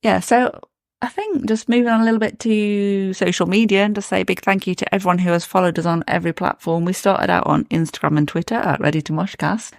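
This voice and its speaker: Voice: mid-range voice, fairly even intonation, fast talker, gravelly, no echo, clean studio sound. A podcast co-host chatting casually about their show and music news, laughing often. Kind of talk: casual chat.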